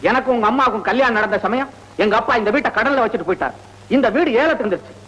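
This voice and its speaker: A man's voice: very high-pitched, lively intonation, very fast, fairly bright tone, low-quality recording. An actor playing a hot-tempered middle-aged father who scolds and blusters in old film dialogue. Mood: angry.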